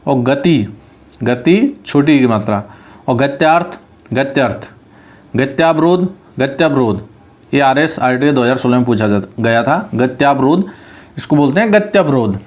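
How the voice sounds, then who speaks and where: A male teacher with a mid-pitched voice. He runs an online exam-prep class on spelling. He says each word and then explains how it is correctly written. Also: expressive, a little slow.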